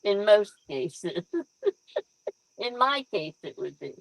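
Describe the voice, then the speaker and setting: A woman co-hosts a podcast and chimes in with short, easy replies. Her voice sits at an average pitch. The sound is close and dry. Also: lively intonation, takes it slowly, gravelly, dry recording, rough recording. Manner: short agreeing replies, reads out comments. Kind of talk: casual chat.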